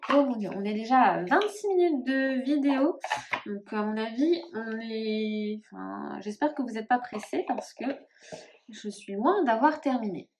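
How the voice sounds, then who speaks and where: A woman with a northern French accent chatting casually to camera about tarot decks, often pausing and trailing off as she searches for names. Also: a little high, expressive, darkish tone, slight background noise. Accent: northern French (Ch'ti). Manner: hesitant, musing, many fillers and trailing off. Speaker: tarot vlogger.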